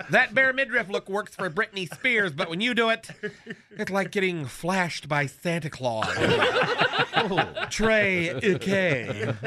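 A man with a high-pitched, sharp-toned voice hosts a radio comedy show, delivering a teasing, sarcastic roast monologue. Cohosts laugh along in the radio studio.

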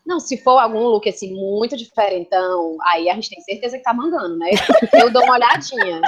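A woman's voice: medium pitch, brisk, slightly rough. A woman with a Cearense Brazilian accent, chatting playfully as a guest on a podcast, with teasing asides. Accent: Cearense Brazilian Portuguese. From Ceará, Brazil. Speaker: guest influencer. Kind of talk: casual podcast interview. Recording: dull lo-fi sound.

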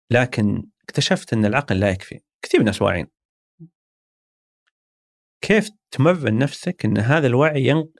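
Speaking at a medium pitch, a man with a Saudi accent sits as an interview guest, drawing on his past as a marketing executive. He reflects thoughtfully and makes his ideas concrete with ordinary, everyday examples. The recording is dry.

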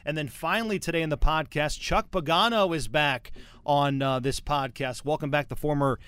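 Chatty sports podcast host, clear dry voice. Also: male voice, a little high, normal speed, a bit bright, no room sound. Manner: chatty, teasing, restarts often. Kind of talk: casual sports podcast chat.

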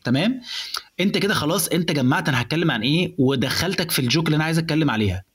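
A young man with an Egyptian accent, explaining in casual chat how to build a stand-up joke, animated and mixing in English words. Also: on the high side, racing, breathy edge. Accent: Egyptian Arabic.

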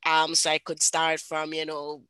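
A woman's voice: sits low, completely flat delivery, measured pace, clean tone, no echo. A woman from Jamaica with a Jamaican accent, a guest author telling her life story with lots of fillers. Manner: warm storytelling, many fillers. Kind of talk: casual interview talk.

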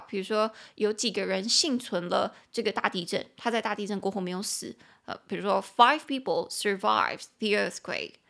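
Taiwanese woman, podcast English teacher, slight vocal fry, reads lines slowly then chats through them. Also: medium pitch, sharp tone. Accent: Taiwanese Mandarin. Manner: chatty, explanatory. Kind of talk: bilingual language-lesson podcast.

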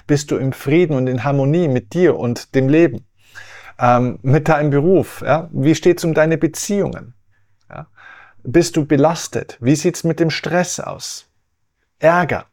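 A man hosting a health podcast, explaining slowly in a teaching monologue. He repeats and rephrases his points and often checks in with a quick "ja?". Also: on the high side, darkish tone. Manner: didactic, repeats and rephrases, asks rhetorical questions with "ja?". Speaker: podcast host.

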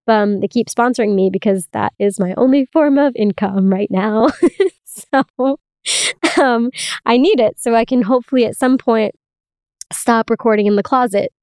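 A woman's voice: a little high, darkish tone, dry recording, studio quality. Woman talking from inside a closet. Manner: chatty and giggly, with frequent "like" fillers. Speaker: podcast host. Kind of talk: casual solo chat. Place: inside a clothes closet under a towel shelf.

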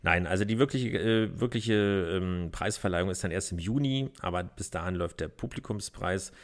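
Casting: male podcast co-host, deep low voice with a creaky edge, calm and hesitant, casual explanatory chat. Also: moderate pace.

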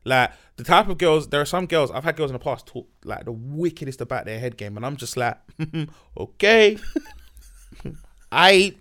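A man's voice: medium pitch, fairly bright tone. A man with a London accent talking candidly and casually on a podcast, full of slang and repeated emphasis. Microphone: podcast microphone.

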